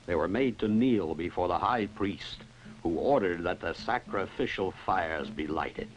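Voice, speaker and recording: An actor playing a grave eyewitness in a dubbed old horror film, telling the tale in a solemn, measured, declamatory style. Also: male voice, deep voice, lively intonation, rough recording. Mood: solemn, ominous. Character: grave male eyewitness recounting an ancient curse. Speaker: film narrator.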